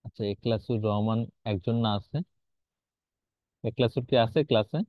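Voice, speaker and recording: Teaching grammar in an online class, a man with a fairly low, steady voice speaks at a moderate pace without echo. He explains patiently, quizzes his students along the way, and slips English words into his speech, all on dull, lo-fi class audio.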